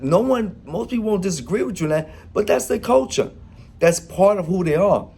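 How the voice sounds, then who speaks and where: A man delivering an emphatic opinion monologue with a somewhat high voice. He talks informally and keeps throwing rhetorical questions at his listeners. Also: lively intonation, fairly quick, gravelly, a little mellow, husky. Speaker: commentator.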